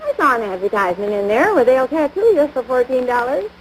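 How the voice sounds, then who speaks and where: In a noisy vintage broadcast recording, an actress with a high, sing-song voice speaks a little fast as a crabby small-town American housewife and mother. She nags in folksy, ungrammatical, scornful speech, sounding exasperated, in a domestic radio-style situation comedy.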